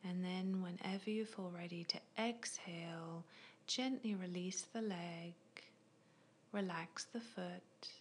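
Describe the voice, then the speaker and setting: A woman guiding a progressive muscle relaxation in a soft, unvoiced ASMR whisper, with slow, gentle, soothing instructions. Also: fairly low pitch, steady tone, slight background noise. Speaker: relaxation guide.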